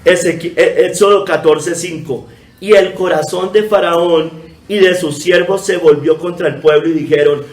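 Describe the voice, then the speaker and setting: A man's voice: high-pitched, darkish tone, roomy sound. A man preaching a sermon, emphatic and repetitive, often calling out to his congregation. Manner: emphatic preaching, repeatedly addressing the congregation as brothers. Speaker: pastor.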